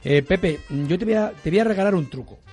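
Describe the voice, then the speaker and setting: A man's voice: sits high, expressive, a little fast, faint music behind. A man hosting a radio show, chatting with guests and giving household tips in a rambling, talkative way. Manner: chatty, rambling, warm-hearted repetitions. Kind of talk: lively radio chat and home tips. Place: radio studio.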